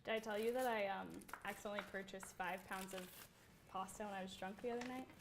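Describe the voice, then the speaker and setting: A woman's voice: mid-range voice, steady tone, fast talker, noisy background. A woman in a casual cooking contest, bantering and teasing in a giggly, tipsy manner, with swearing.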